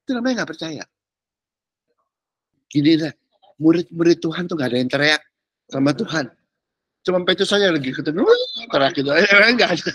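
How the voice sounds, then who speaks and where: A man preaching, teasing and animated in slangy street talk, mimicking people as he goes. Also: on the high side, a little fast, pauses often, breathy edge, no echo. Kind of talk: sermon.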